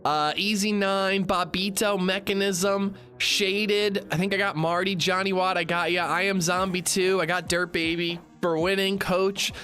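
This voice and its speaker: A slightly congested man chats casually with viewers on a livestream, swinging between upbeat shout-outs and low mumbles.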